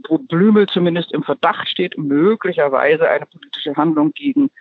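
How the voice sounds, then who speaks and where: A woman's voice: lowish voice, very animated, normal speed, gravelly, dry recording. Woman reporter calling in from a train, crappy phone line, super dry and tinny, explains stuff with lots of uh. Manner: explanatory, with hesitant fillers. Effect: poor-quality phone line. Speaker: correspondent. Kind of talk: news phone interview. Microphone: mobile phone.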